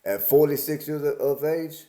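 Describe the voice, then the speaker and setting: In his casual vlog, a man in his forties from Alabama thinks aloud about his life in plain terms. His voice sits a little high with a dark tone, lively but measured in pace, against a reverberant backdrop.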